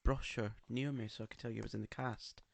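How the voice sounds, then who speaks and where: A man's voice: mid-range voice, fairly even intonation, fast, gravelly, no room sound. A man co-hosting a casual podcast, with an English accent and a camp, theatrical, teasing way of talking. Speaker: podcast co-host. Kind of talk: casual chat. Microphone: studio microphone.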